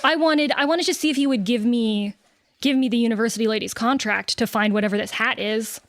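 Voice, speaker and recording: A woman's voice: a little high, a little fast, no room sound, studio quality. A woman player in casual out-of-character chat, wry and thinking aloud about her choices.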